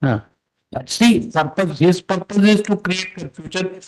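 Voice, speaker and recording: A man's voice: high voice, unhurried. A man with an Indian accent speaking as a judge, questioning and instructing from the bench with authority. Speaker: judge presiding over a court hearing. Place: courtroom, live-streamed hearing.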